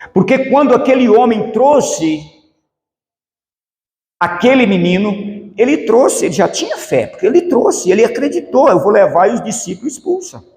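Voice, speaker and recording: A man preaching a sermon as pastor, asking the congregation rhetorical questions. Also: high voice. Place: church. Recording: echoey church hall with long reverb.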